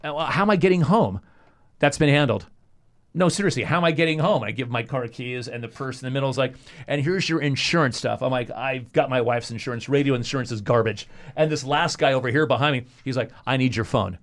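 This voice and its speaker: A man's voice: mid-range voice, fast talker. A man, a former radio host, telling a story as a podcast guest and acting out the people in it. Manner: animated storyteller acting out quoted voices. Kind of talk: casual storytelling.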